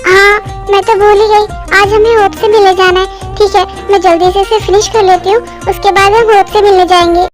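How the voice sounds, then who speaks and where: A woman's voice: very high-pitched, level tone, moderate pace, faint music behind. A woman doing a whiny childlike grown girl. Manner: whiny, stammering childlike pleading. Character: grown woman in childlike little space, clingy, tearful. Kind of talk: amateur fan dub drama.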